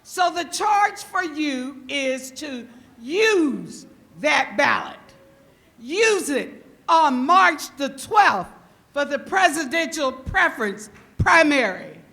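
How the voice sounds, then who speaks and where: A woman's voice: sits high, big pitch swings, takes it slowly, gravelly, pushed and bright. A woman giving a rallying speech, exhorting the audience with call-and-response. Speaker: speaker urging voters. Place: large auditorium.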